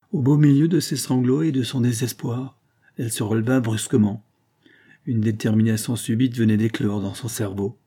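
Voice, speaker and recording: A man narrating a classic novel as an audiobook in a steady, even storytelling delivery. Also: lowish voice.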